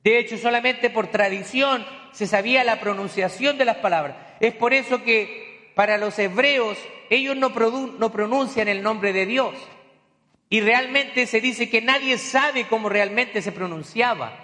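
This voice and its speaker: Pastor delivering a teaching sermon in a church sanctuary, man, bright tone, homely asides. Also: sits high, unhurried, long reverb tail. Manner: teaching, explains terms with folksy asides.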